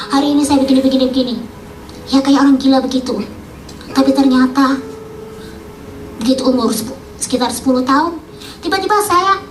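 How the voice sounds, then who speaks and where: A woman from East Java gives a personal testimony in a casual, halting way, often searching for words and correcting herself. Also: sits high. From East Java, Indonesia. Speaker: testimony speaker. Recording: echoey room, distant mic, faint noise.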